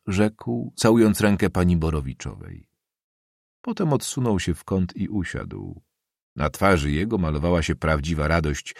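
A man narrating a classic novel with a very deep, gravelly voice that carries a husky edge. His reading is measured yet lively in pitch, rising and falling through the sentences. The recording is dry and close. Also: no echo. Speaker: audiobook narrator.

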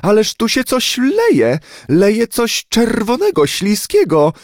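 A man voicing a stout, frightened lady on a train, shrill and panicky. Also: huge pitch swings, takes it slowly, no echo, studio quality, full character voice. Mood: alarmed.

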